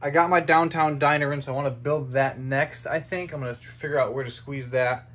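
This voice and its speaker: This young man's voice sits at a medium pitch, a bit bright, with fairly even intonation and a brisk pace. He's a YouTuber giving a relaxed, talkative tour of his toy brick model city on a table, musing aloud while filming indoors on a handheld phone.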